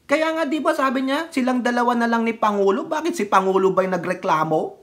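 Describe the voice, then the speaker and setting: A middle-aged political commentator from the Philippines, speaking with fiery conviction and a steady stream of rhetorical questions. Between the jabs, the voice drops into a quieter, lower register for personal stories. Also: fairly quick.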